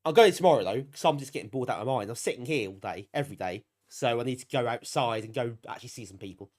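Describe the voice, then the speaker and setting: Streaming retro games while getting over a cold, this bunged-up British man talks fast in a mid-range, animated, slightly mellow voice. He keeps things casual and self-deprecating, thanking his viewers warmly.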